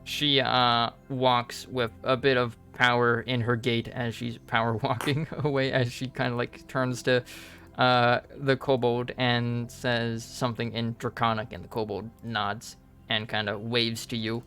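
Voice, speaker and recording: A man narrating a tabletop role-playing game as game master, improvising in halting pieces. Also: medium pitch, level tone, bright, forceful tone. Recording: music behind the voice.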